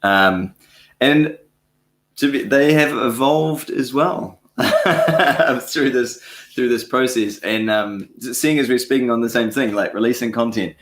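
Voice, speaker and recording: A man's voice: medium pitch, takes it slowly, fairly bright tone, reverberant. A man hosting a casual live question-and-answer stream, rambling and correcting himself, with frequent chuckles. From New Zealand. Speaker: livestream host answering viewer questions. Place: home studio.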